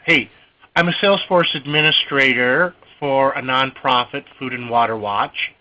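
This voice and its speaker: A man's voice: mid-range voice, moderate pace, muffled recording. A man calling into a conference call, eager and a little hesitant, with a self-deprecating manner. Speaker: caller, nonprofit Salesforce administrator. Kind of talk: casual question on a conference call.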